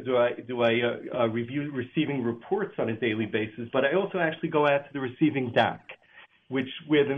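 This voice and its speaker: A man on a speakerphone call, a kosher supervisor at a flavor plant, speaking in a halting way as he searches for words. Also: mid-range voice. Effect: phone on speakerphone. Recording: tinny phone line.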